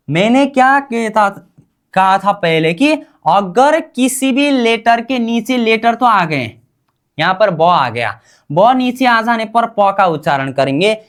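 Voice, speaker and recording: Woman language teacher, unhurried delivery, quizzes and answers herself, drills each word again and again. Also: a little high. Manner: asks questions and answers them herself, repeats each term. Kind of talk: slow call-and-response lesson.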